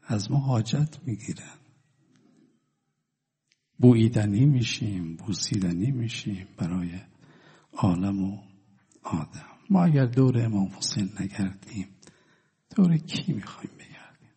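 A man preaching a sermon, telling stories and swinging between loud declaiming and hushed, drawn-out words. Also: fairly low pitch, breathy edge, big-room sound. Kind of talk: religious sermon with storytelling.

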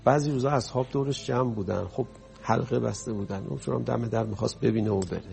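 A man's voice: mid-range voice, gravelly, darkish tone, soft background music. A man preaching a sermon, telling stories in a conversational way that rises to impassioned emphasis. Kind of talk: storytelling sermon.

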